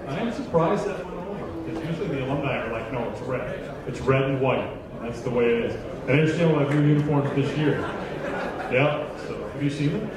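A middle-aged man, acting as interviewer and radio play-by-play announcer, hosts a casual live interview on an indoor auditorium stage with a handheld microphone. His mid-range voice is brisk, and the echoey hall PA sounds distant, with the audience audible behind him.

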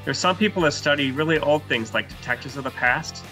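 Man, 30s, art teacher, enthusiastic, crisp and bright, slightly high voice, light guitar music behind. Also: fairly quick. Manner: upbeat, enthusiastic, talks to children. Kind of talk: online art lesson for young kids. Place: virtual classroom backdrop, indoors.

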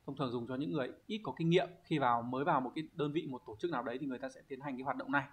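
A man's voice: medium pitch, racing, slightly rough. A man teaching a Japanese exam review lesson, patiently walking through each answer and often asking his students to confirm. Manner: patient, explanatory, frequent check-in questions.

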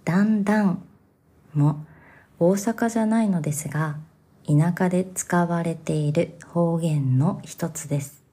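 A woman from Kansai, the host of a podcast, explaining Japanese to learners in a slow, careful, soft-spoken way. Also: on the low side, breathy edge.

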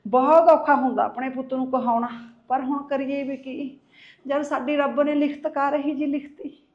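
Woman as a high-voiced coaxing mother. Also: fairly even intonation, moderate pace, roomy sound, lo-fi sound, natural voice. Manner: coaxing, confiding, calls him "putt". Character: scheming mother, coaxing her son.

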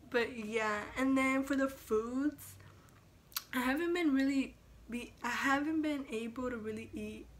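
A woman's voice: fairly high pitch, slight background noise. A young woman in her teens, speaking with braces, chatting casually as a vlogger at home, rambling with lots of fillers, self-corrections and casual swearing. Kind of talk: casual vlog chat.

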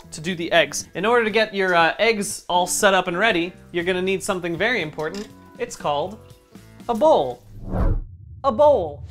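A man's voice: high voice, pushed and bright. A man hosting a comedic cooking demo in his home kitchen, joking and mocking himself as he cooks. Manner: playful, jokey, self-mocking. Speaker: cooking video host.

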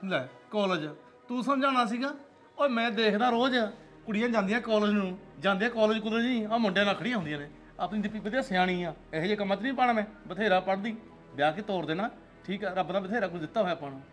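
An actor playing a stern village father who is strict about his daughter's honor and speaks gruffly in a Punjabi accent. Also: sits high, fast talker, faint music behind. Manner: gruff, commanding, softens to pleading. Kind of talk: village drama acting.

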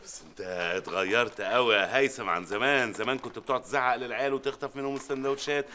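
A man's voice: medium pitch, racing, sharp tone, a little hiss or hum, natural voice. An actor playing a sarcastic, quarrelsome male café owner who speaks Egyptian Arabic and fires off insults. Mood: mocking.

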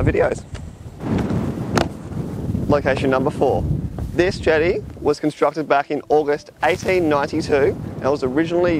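With a slightly high voice and a noisy backdrop, this young adult Australian vlogger strolls around a sunny seaside lookout, jetty and beach, chatting easily and gesturing. He uses lots of filler, and a camera on a tripod a few metres away records him.

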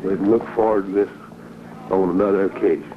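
A man's voice: deep voice, fairly even intonation, phone-quality sound, a little hiss or hum. Older man on an old wire recording. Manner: plain, slow, heartfelt thanks. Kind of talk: spoken greeting on a home recording.

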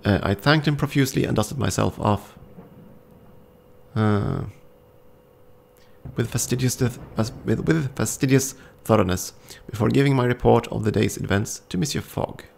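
A man's voice: mid-range voice, moderate pace, gravelly, slight background noise. A man hosting a let's play, reading the game's story aloud and chatting casually, often stumbling and restarting on words. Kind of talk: reading game text aloud with casual commentary.

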